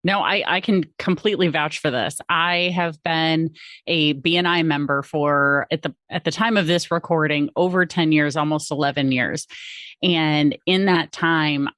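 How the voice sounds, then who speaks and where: Woman, casual interviewer, informal and talkative, stuffed-up lower voice, very dry sound. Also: steady tone, normal speed, fairly bright tone, dry recording. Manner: informal, chatty. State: congested from a head cold. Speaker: podcast host.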